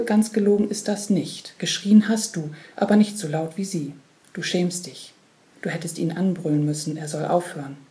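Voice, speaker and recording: A woman narrating a literary story in a quiet, measured way. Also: fairly low pitch. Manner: quiet, measured second-person telling. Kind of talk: literary reading.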